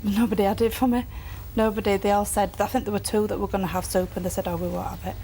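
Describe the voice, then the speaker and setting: A woman's voice: mid-range voice, steady tone, fast, dark tone, slight background noise. A woman giving a personal account in a plain-spoken, down-to-earth way. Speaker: phobia sufferer and guest.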